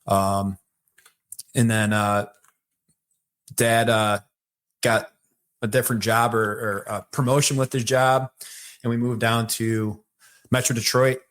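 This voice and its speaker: A man with a Michigan accent, a podcast guest telling his life story in a relaxed, rambling way with many fillers. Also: medium pitch, slow pace, long pauses. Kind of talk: casual storytelling conversation.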